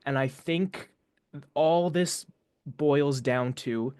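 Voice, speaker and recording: Man, podcast co-host, casual, hesitant, thoughtful, medium pitch, dry sound. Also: a little mellow, clear, resonant tone, no room sound. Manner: hesitant, thoughtful, quick asides. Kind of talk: casual sports podcast chat.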